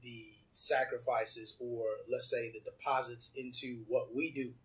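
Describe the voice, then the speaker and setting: Man, bright tone, mid pitch, animated casual podcast talk. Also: a little slow, low-quality recording. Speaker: podcast co-host. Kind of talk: casual chat.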